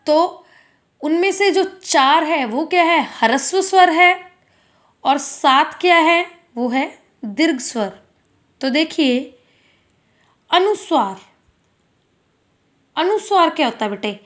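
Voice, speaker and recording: A woman's voice: high-pitched, expressive, slow, pauses often, a bit bright. A woman teaching a school grammar lesson, patiently asking questions and answering them herself. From India.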